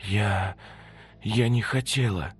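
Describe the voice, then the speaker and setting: A man's voice: lowish voice, slow pace, husky, faint music behind, voice pushed up, heavily acted. A man doing a guilt-ridden old woman's ghost. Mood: remorseful. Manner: remorseful, quietly confessing.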